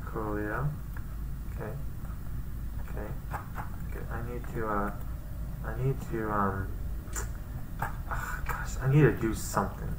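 A man's voice: lowish voice, fairly even intonation, takes it slowly, pauses often. A man casually narrating his game, muttering to himself and making playful sound effects. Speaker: gamer, channel host. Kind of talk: casual gaming commentary. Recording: roomy, distant mic with background noise.

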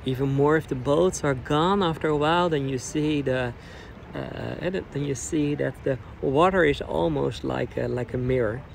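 A middle-aged man giving a chatty live guided kayak tour outdoors, repeating words and pausing with fillers. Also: on the high side, creaky, slight background noise.

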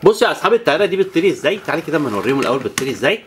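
A toy channel presenter with an Egyptian Arabic accent plays with toys beside a child while talking to viewers, counting aloud and making whooshing sound effects. Her low-pitched voice swings widely and she speaks very fast over a noisy background.

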